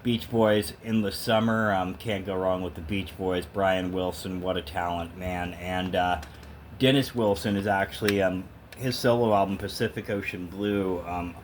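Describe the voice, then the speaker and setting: A thrift store music haul is the subject as a man addresses the camera in a low, steady voice at normal speed. He rambles casually and emphatically, sharing strong opinions as a music fan, while background noise runs underneath.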